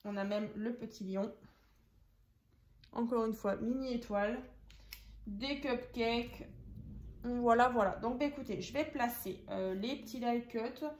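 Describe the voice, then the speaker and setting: Craft host, woman, slightly high voice, unhurried, thinks aloud, echoey room. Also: darkish tone. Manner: chatty, thinks aloud, counts pieces while working. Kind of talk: casual craft tutorial.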